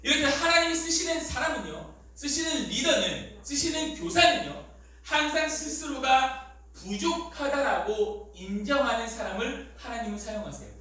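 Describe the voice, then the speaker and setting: Animated high-voiced man preaching in an echoey hall. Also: recorded from a distance, slight background noise. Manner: animated, quizzes the audience. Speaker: youth pastor. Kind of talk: lively sermon for middle schoolers. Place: church hall.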